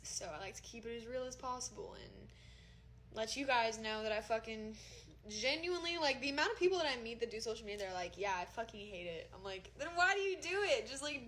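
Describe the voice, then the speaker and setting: A woman in her twenties, a social media creator and DJ, livestreams on her phone from her room at home, chatting casually to viewers, rambling and swearing freely. Her voice is a little high with a fairly bright tone. There is slight background noise.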